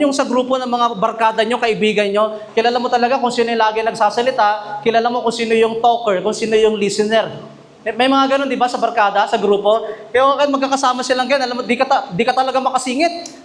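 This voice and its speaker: A man preaching a sermon as pastor, mixing English and Tagalog and often asking the congregation questions. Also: extremely high pitch. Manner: mixes English and Tagalog, often asks the congregation questions, reads verses slowly. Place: church chapel.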